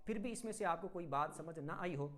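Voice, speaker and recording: A man from Pakistan giving a religious lesson as an Islamic teacher, firm and methodical, running through example phrases one after another. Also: on the high side. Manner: firm, instructive.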